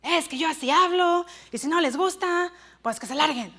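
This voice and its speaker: A woman acting out a rude, gruff male supervisor who answers bluntly and dismissively. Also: extremely high pitch, normal speed, a bit bright. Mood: defiant.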